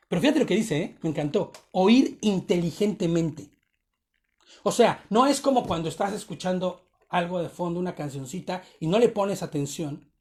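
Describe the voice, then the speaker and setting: A man's voice: a little high, darkish tone. Chatty man teaching a sermon. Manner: chatty, checks in with frequent tag questions. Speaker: congregation teacher. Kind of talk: conversational Torah portion sermon.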